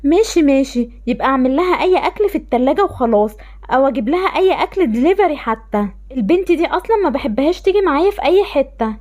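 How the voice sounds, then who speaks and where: Egyptian lady doing the mom, offhand and dismissive, highish, quick. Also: lively intonation, a little mellow. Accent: Egyptian Arabic. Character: indifferent mother who favors one daughter. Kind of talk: voiced game-animation story.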